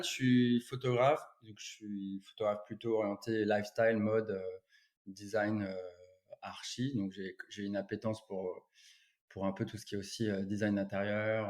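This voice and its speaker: A man's voice: on the low side, steady tone, normal speed, darkish tone. A man from Brittany, a photographer, talking as an interview guest in a rambling way with many restarts. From Brittany, France. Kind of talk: casual interview chat.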